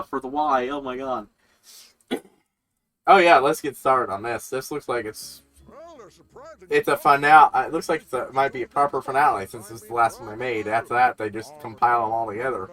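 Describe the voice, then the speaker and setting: A man's voice: mid-range voice, pushed and bright. Casual man reacting to a cartoon. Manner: rambling, laughs and swears as he reacts. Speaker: reaction streamer.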